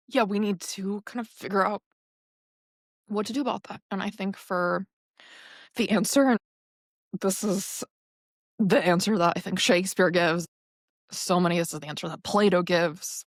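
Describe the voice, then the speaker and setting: Low-voiced reflective woman poet. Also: no room sound, studio quality. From New York. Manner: thoughtful, searching for words. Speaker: poet and guest. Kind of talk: interview conversation.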